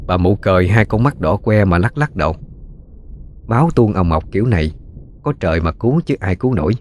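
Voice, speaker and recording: A man with a Southern Vietnamese accent narrating a ghost story in a steady, folksy way. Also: sits low, a little fast, slight background noise.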